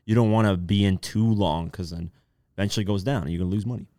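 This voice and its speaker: A man's voice: on the low side, fast talker, warm tone, dry recording, studio quality. A man co-hosting a casual chat, talking in slangy, profanity-laced language and repeating his points for emphasis. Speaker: podcast co-host. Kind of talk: casual chat about news and business.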